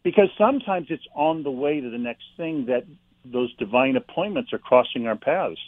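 A man talks in a calm, reflective way, with no hurry in his words. His voice comes through a dry, slightly dull line. He sounds like a guest on a faith-based talk program. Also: medium pitch, moderate pace, dry recording. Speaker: author guest. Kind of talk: interview about faith and slowing down.

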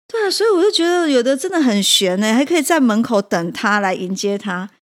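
A woman's voice: on the high side, very animated, brisk. A woman, a prison teacher and café owner, telling a personal story with emotion and hesitant restarts.

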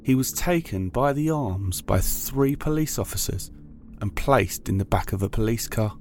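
A man's voice: lowish voice, lively intonation, moderate pace, a little mellow. A man reading scripted true-crime narration in a formal, factual manner.

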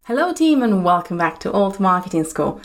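A woman's voice: mid-range voice, big pitch swings, brisk, music in the background. A woman from Italy, hosting a marketing podcast in an enthusiastic, chatty way. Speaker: podcast host. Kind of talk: upbeat podcast introduction.

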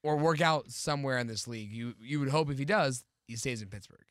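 A man co-hosting a sports podcast chat, agreeable and measured, with plenty of short affirmations. His voice sits at a middling pitch. The sound is dry and close-miked. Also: fairly bright tone, no echo. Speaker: podcast co-host.

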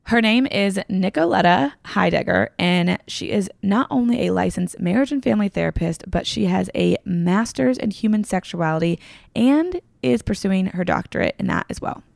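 A woman's voice: medium pitch, lively intonation, moderate pace, vocal fry, darkish tone, no echo. A woman hosting a podcast, chatting casually and gushing, with lots of filler words. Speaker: podcast host. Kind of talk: casual podcast intro and interview. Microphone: remote call recording.

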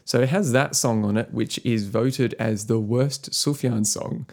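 A man's voice: medium pitch, unhurried, gravelly, darkish tone. A man co-hosting a podcast, chatting casually about music, rambling with lots of fillers. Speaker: podcast co-host.

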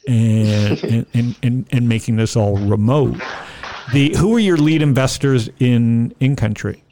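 A man's voice: medium pitch, a little slow, mellow, a little hiss or hum. A man interviewing a guest in casual chat, asking loose, rambling questions full of restarts.

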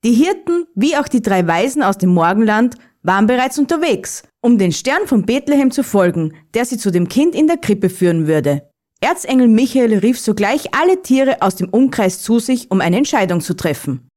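A woman calmly reading a children's Christmas story aloud as narrator. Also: on the high side, normal speed.

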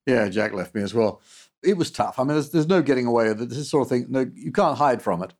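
An older man, recalling his past as an interview guest in a halting, reflective way. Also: mid-range voice, expressive. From United States. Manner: halting, with restarts and soft trailing endings. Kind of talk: reflective personal recollection.

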